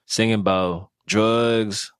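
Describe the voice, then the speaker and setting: A man's voice: lowish voice, fairly even intonation, takes it slowly, clean tone, dry recording, clean studio sound. Teenage boy from Tanzania, casual. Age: teens. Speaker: interviewee. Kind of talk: youth radio interview.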